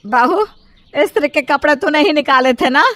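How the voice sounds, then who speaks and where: A woman voicing an indulgent older mother-in-law in an animated storybook, placating her son. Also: high-pitched, moderate pace, dry recording. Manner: soothing, placating.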